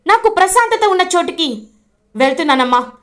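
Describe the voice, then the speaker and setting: A resentful young husband pours out his grievances, read aloud by a woman. He sounds indignant and pleading, in a high voice. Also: lively intonation, fairly quick, fairly bright tone. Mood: defiant.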